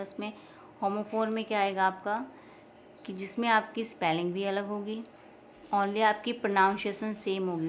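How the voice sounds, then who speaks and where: A woman with an Indian accent teaching an exam-prep lesson, who explains and repeats each point and reads English definitions aloud slowly. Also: medium pitch, a little hiss or hum.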